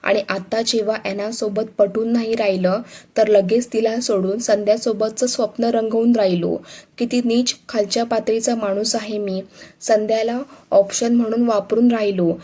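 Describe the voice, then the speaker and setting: Woman reading young husband, guilty, apologetic, steady flat voice, audio story. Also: a little high, moderate pace, lightly acted. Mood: remorseful.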